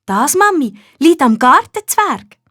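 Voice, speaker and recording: A woman with a Swiss German accent voicing an excited, earnest little girl in a children's storybook, high and loud. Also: unhurried, no room sound, studio quality, heavily acted.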